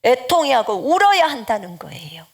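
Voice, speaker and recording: A woman's voice: high voice, big pitch swings, moderate pace. A woman missionary preaching an earnest sermon, exhorting her listeners and often dropping into a whisper.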